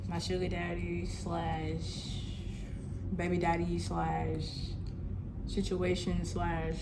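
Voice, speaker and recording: A young woman telling a casual storytime vlog, animated and laughing as she talks straight to her viewers. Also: on the low side, slow pace, creaky, very noisy. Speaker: vlogger.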